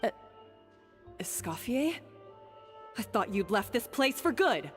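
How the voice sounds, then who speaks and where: A snappy, defiant young head chef. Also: female voice, fairly high pitch, big pitch swings, slow, in a large hall, faint music behind. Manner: snappy, defensive.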